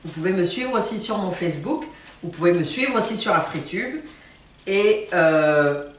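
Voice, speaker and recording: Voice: mid-range voice, slight background noise. An Atchan speaker from Ivory Coast, patiently teaching a language lesson word by word. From Ivory Coast, Atchan people. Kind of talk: slow spoken language lesson. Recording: roomy, distant mic, faint ambience.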